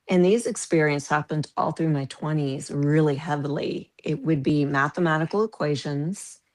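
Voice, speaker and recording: A woman's voice: low-pitched, darkish tone. A woman in her fifties from the American Midwest, a podcast guest telling stories animatedly and laughing through them. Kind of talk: casual storytelling.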